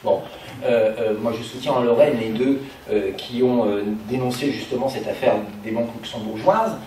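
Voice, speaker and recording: A man speaks at a public meeting in an explanatory, structured way, posing rhetorical questions as he goes. His medium-pitched voice is picked up from a distance in a very reverberant room with faint noise. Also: moderate pace, darkish tone. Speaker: political speaker.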